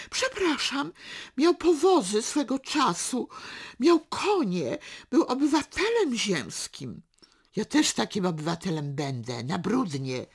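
Woman reading as a loud boastful father. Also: mid-range voice, vocal fry, pitched above the performer's own voice, full character voice. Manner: shouting, self-pitying bluster. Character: loud boastful middle-aged father, bitter braggart.

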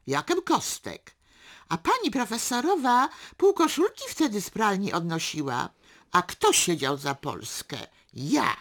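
A woman reading aloud as a loud, boastful, self-pitying father who shouts and blusters. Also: medium pitch, vocal fry, voice pushed up, exaggerated voice. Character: loud boastful middle-aged father, bitter braggart.

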